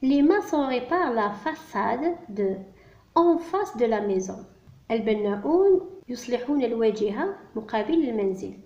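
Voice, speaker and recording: Slow, careful woman teaching children French. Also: a little high, expressive, darkish tone. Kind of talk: primary French lesson explained in Arabic. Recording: dull lo-fi recording.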